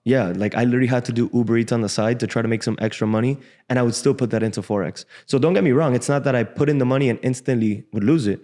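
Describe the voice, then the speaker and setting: A man in his twenties, born in Cuba and raised in Miami, tells his own story as a podcast guest. He talks in a relaxed, frank way with casual slang. He is recorded close on a studio boom mic. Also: rapid-fire, hardly any pauses. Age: 20s. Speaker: guest trader. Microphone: desk boom mic.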